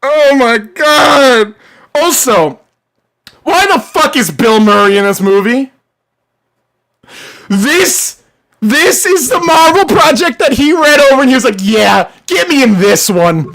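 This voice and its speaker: A young adult live streamer ranting with heavy swearing and sudden shouts, then reading chat, voice wearing out. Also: sits high, slow pace, long pauses. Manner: profane, animated ranting, bursts into shouting. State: losing voice.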